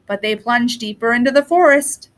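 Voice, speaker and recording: A woman reads a children's story aloud in an expressive storytelling style, her voice on the high side at normal speed.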